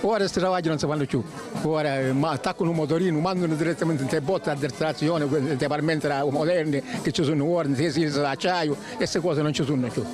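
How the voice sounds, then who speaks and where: Older sicilian guy chatting in dialect, high voice, repeats himself, music behind him. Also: steady tone. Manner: halting, repetitive, colloquial explanations. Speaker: traditional winemaker recalling his work. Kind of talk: casual interview answers in Sicilian dialect.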